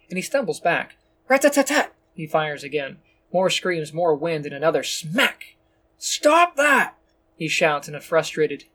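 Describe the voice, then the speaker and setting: Brief: male storyteller, slightly raised pitch, steady descriptive reading, faint background noise. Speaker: narrator. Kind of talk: scripted story narration.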